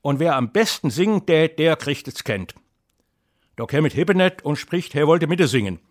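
A middle-aged man reading an introduction and then telling a story with measured, lively delivery. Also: a little high. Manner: measured, lively storytelling, slips into dialect for the tale. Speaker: narrator and reader.

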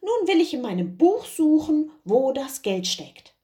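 A woman's voice: sits high, sing-song, unhurried, warm tone, pitched above the performer's own voice. A woman voicing a simple peasant man who pretends to be a doctor, speaking in an eager, folksy way. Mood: pompous.

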